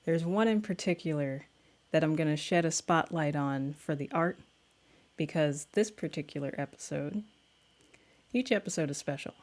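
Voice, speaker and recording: A woman's voice: sits low, moderate pace, darkish tone. A woman hosting a casual vlog, chatting directly to her viewers in an upbeat way and reading out her own poem. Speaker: vlog host.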